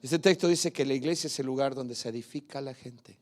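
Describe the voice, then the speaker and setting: Older male pastor in a church, mid-pitched, storytelling sermon that swells loud on key points. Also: a little fast.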